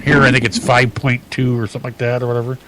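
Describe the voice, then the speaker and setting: A man hosting a radio talk show, reading odd news stories aloud in a chatty, halting way with many fillers and restarts. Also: medium pitch, little pitch movement, a bit bright, low-quality recording.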